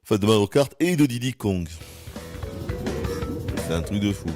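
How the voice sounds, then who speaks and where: A man streaming a game live, ranting in exasperation with swearing and sudden high-pitched outbursts. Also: animated, moderate pace, darkish tone, faint music behind. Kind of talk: live gaming stream commentary.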